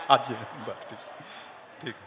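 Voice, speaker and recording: A man's voice: medium pitch, drawn-out words, sharp tone. A man preaching to a crowd, teasing them and asking call-and-response questions. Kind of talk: lively sermon with crowd games. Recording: long hall reverb.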